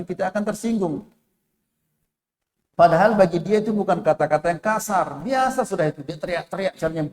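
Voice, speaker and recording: Indonesian preacher in an echoey mosque. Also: male voice, on the high side, darkish tone. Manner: storytelling with Arabic quotations, voicing the figures in a raised voice. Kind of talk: sermon.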